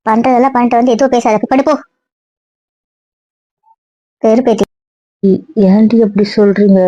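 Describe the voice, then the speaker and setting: A woman's voice: on the high side, mellow, no echo, highs cut off, close to an everyday voice. A woman voicing an exasperated young woman who scolds her stubborn friend in an amateur audio drama.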